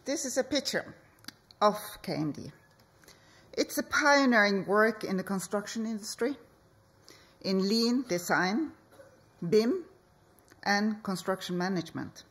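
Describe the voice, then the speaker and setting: Measured, slow-paced woman presenting. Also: medium pitch, expressive, a bit bright. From Norway. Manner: measured, deliberate, with pauses between phrases. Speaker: architect, conference speaker. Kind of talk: conference presentation. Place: conference hall.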